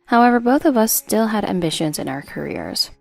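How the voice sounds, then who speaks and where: A woman reading a first-person drama story as a narrator in a steady storytelling delivery. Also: medium pitch, fairly quick, gravelly, no echo, soft background music.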